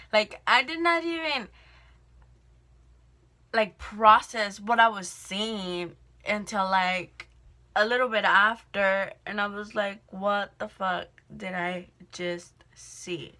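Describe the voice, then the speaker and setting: Young woman, casual storytime vlogger, bright and sharp tone, chatty, rambling, curses freely, home camera mic. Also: medium pitch. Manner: rambling, filler-heavy, frequent swearing. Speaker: vlogger telling a work story. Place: indoors at home, doing makeup.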